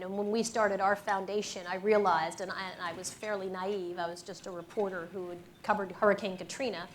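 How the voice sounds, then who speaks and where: A woman moderates a panel on stage, leading into her questions with easy, self-deprecating chat. Her pitch sits in a plain middle range, and a little room noise hangs behind her.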